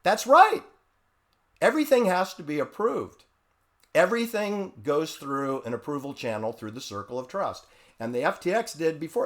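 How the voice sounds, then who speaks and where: A man delivering a rambling, emphatic monologue, repeating himself and dropping sarcastic asides. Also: a little high. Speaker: commentator. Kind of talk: conspiracy-minded monologue.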